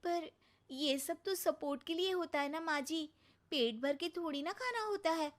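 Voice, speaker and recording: A woman's voice: very high-pitched, a little slow. A woman voicing a patient young daughter-in-law in a cartoon, polite but exasperated. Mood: pleading. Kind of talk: cartoon voice acting.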